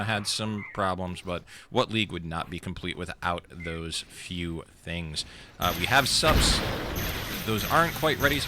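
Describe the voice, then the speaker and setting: A man casting a live online shooter match as the host, easygoing between rounds and quicker and louder in the action. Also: lowish voice, heavy background noise. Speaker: esports caster. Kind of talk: live play-by-play commentary.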